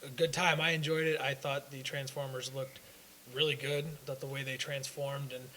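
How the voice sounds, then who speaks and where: A man's voice: medium pitch, flat delivery, moderate pace, bright, forceful tone, rough recording. A young man co-hosting a casual fan talk show, rambling through his opinions with restarts. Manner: rambling, hesitant with fillers and restarts. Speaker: co-host. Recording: faint hiss.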